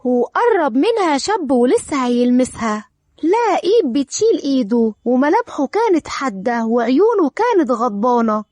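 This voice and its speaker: A woman's voice: sits high, very animated, moderate pace, darkish tone, no echo. A woman with an Egyptian accent narrating a dramatic story.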